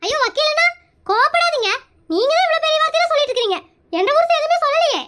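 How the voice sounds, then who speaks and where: Comedy skit: woman as feisty scolding wife, extremely high voice, very rapid delivery, Kongu Tamil accent. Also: lively intonation, pushed and bright, heavily acted. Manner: scolding, threatening, bickering. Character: feisty wife seeking divorce, scolding her husband.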